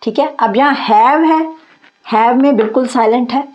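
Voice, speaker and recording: A woman's voice: a little high, normal speed, highs cut off. A woman teaching English grammar in Hindi, patiently reading out example sentences and checking in with her learners. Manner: patient, repeats points and checks with "theek hai". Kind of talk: grammar lesson explained in Hindi.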